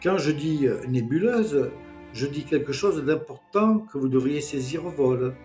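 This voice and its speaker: A man's voice: fairly high pitch, expressive, unhurried, darkish tone, faint music behind, voice pushed up. A man doing a pompous, rambling old notable.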